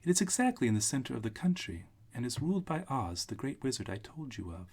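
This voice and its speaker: A man's voice: medium pitch, very animated, fast, darkish tone, slightly rough, pitched above the performer's own voice. A man voicing a kindly, solemn little old woman, a good witch in a storybook read-aloud.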